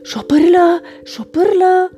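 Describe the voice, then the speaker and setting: A woman voicing a young male mouse in a storybook reading, with high, pleading, breathless calls. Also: dark tone, soft background music, close to an everyday voice. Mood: urgent.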